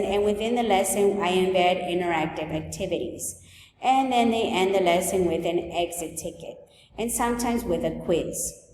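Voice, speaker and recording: Woman teacher from El Salvador, forties, clear list-by-list open house talk, echoey room with faint background noise. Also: medium pitch, darkish tone. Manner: clear, list-like walkthrough of class rules. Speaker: high school Spanish teacher. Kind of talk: recorded open house presentation. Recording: echoey room, long reverb.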